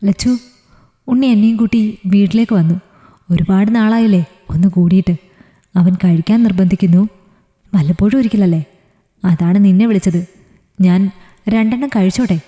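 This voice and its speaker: A woman's voice: mid-range voice, moderate pace, pauses often, dark tone, close to an everyday voice. A woman storyteller voicing a young man who pleads and jokes with his fiancée, in a reverberant room. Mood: pleading. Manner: pleading, joking. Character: young man, loving and gently teasing fiancé.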